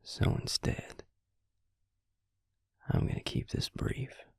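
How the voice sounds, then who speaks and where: A man's husky, breathy near-whisper carries this intimate romantic audio roleplay, where he portrays a devoted vampire lover who is protective of the listener. Slow, tender, and protective, his voice sounds natural, recorded at studio quality without room sound.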